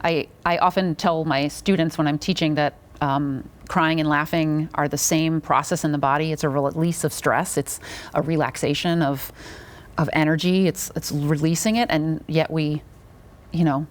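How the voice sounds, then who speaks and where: Deep-voiced woman doctor interviewing someone, reflective, lots of mm-hmms. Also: steady tone, moderate pace. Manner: warm, affirming, reflective, frequent mm-hmms. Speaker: interviewer, therapist and teacher. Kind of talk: interview conversation.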